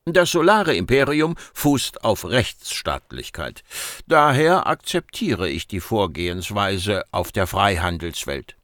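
Man voicing a measured statesman. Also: on the low side, sing-song, a bit bright, no room sound, studio quality, heavily acted. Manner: measured, reasonable, dryly polite. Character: calm, measured male statesman leader. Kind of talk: audiobook reading.

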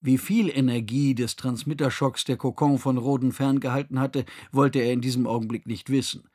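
Husky male audiobook narrator. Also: mid-range voice, steady tone, normal speed, darkish tone.

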